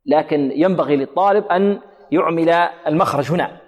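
A man teaching Quran recitation, quizzing listeners with questions and repeating words slowly to model pronunciation. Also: fairly high pitch. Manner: quizzes listeners with prompt questions, then answers. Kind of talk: recitation lesson with recited examples. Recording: long hall reverb.

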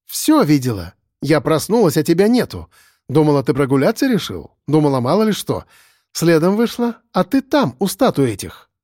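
A man's voice: on the high side, very animated, normal speed, darkish tone, no echo, clean studio sound, pitched above the performer's own voice. A man reading an audiobook, voicing a young woman who shrieks her accusations in hatred. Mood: shrill. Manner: screeching, accusing.

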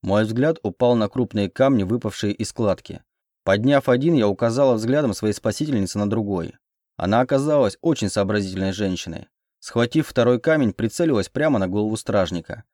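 A man reads a novel aloud in first person, steady and measured. His voice sits low, and the recording is dry with no room sound. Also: dry recording. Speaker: audiobook narrator. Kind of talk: first-person audiobook narration.

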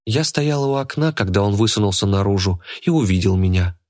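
A man's voice: fairly low pitch, lively intonation, brisk, a little mellow, lightly acted. A man voicing a spiteful, scheming woman who charms snakes, speaking in a contemptuous, snapping manner. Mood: scornful.

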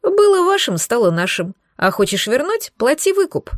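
A woman's voice: high voice, sing-song, normal speed, dry recording, clean studio sound, pitched above the performer's own voice. A woman voicing a tiny tentacled sea creature that haggles in a whiny, indignant way. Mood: haggling. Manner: whiny, bargaining.

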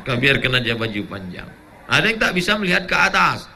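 A man preaching a humorous sermon, joking with the crowd and breaking into chanted prayers and shouts. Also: mid-range voice, quick pace, gravelly, slight background noise. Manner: animated, jokey, breaks into chanted Arabic and shouts.

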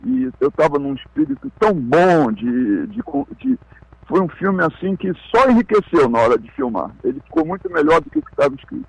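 A man who is a film director and screenwriter, telling relaxed anecdotes as a radio interview guest. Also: on the high side, fairly quick, vocal fry, husky, no echo, rough recording.

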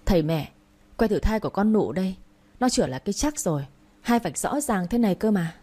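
A woman reading the part of a shrewd, protective elder sister-in-law who speaks in a brisk, bossy way. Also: medium pitch, very animated, warm tone, husky. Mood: urgent.

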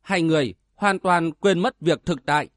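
A man narrates a martial arts novel as an audiobook, steady and dramatic. His voice sits fairly high for a man, and the recording is dry and close with no room sound. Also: normal speed, no echo.

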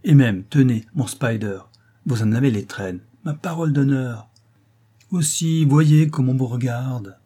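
A man voicing a jovial, excitable young man-about-town who talks eagerly and exclaims a lot. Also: mid-range voice, unhurried, breathy edge.

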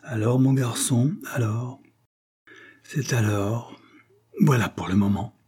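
A man's voice: medium pitch, takes it slowly, mellow, natural voice. A man reading the lines of a shrewd, grave middle-aged detective chief who reasons with insistence. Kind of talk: scripted narration.

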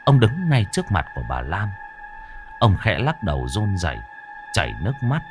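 A man narrating a ghost story in a slow, somber way. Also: lowish voice, huge pitch swings. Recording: faint music behind the voice.

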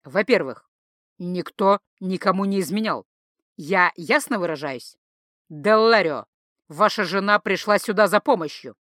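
A woman's voice: medium pitch, a little slow, fairly bright tone, no echo, studio quality, close to an everyday voice. A woman voicing a weary male magic-police chief who speaks with barely restrained irritation. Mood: irritated.

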